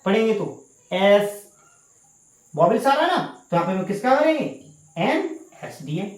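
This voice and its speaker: A woman's voice: mid-range voice, big pitch swings, moderate pace, a little mellow. A woman teaching English grammar in an online lesson, asking questions and answering them herself and repeating key words. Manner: addresses students as "guys". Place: indoor room with a power cut. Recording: echoey room.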